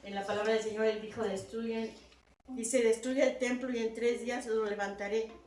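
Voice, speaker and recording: A woman's voice: a little high, flat delivery, normal speed, darkish tone. Echoey woman preaching in a church. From Latin America. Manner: repeats "hermanos" and "verdad" constantly, rising to emphatic peaks. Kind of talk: sermon. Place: church hall. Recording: very echoey hall, mic from far off, faint noise.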